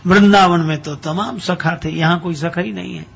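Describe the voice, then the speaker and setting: A man's voice: sits high, steady tone, moderate pace, vocal fry, husky, highs cut off, full character voice. A man voicing Krishna as a playful, mischievous young male god who coaxes and teases. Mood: teasing. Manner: teasing, coaxing.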